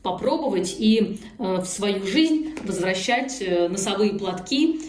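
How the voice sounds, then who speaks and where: A woman's voice: medium pitch, lively intonation, measured pace, a little mellow. Woman, casual product review, upbeat explainer, roomy echo, faint noise. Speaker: product presenter. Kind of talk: casual product review, talking through an unboxing. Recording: echoey room, faint background noise.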